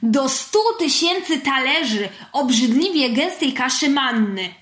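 A woman voicing an excitable, quick-tempered male puppet in a storybook reading, squeaky and loud. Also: vocal fry, reverberant, heavily acted. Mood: angry.

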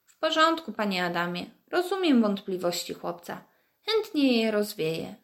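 A friendly, good-humoured bearded man speaks with easy calm, as a woman reads his lines. He sounds patient and unruffled, a gentle athlete in a storybook. The delivery stays steady and warm-hearted. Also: medium pitch, moderate pace, vocal fry. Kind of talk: storybook reading.

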